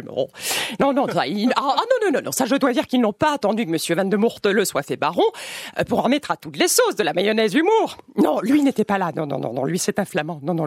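A woman's voice: slightly rough, no room sound, clean studio sound, full character voice. A woman voicing a snobbish, gushing rich French society lady with a French accent, in a radio comedy sketch. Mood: snooty. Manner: affected, gushing, swooping pitch. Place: radio studio.

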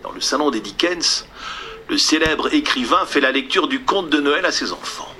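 A man narrating a storybook in a soft, hushed delivery that often drops to a near whisper. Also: a little high, lively intonation, normal speed, a little hiss or hum. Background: music.

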